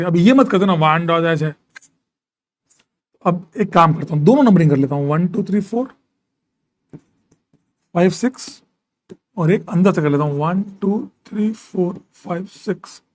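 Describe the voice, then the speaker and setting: Speaking at a moderate pace with long pauses, this high-voiced man runs a live chemistry lesson, blending English into his Hindi. He tallies atom numbers out loud and answers questions he reads from students, ribbing and playfully scolding them.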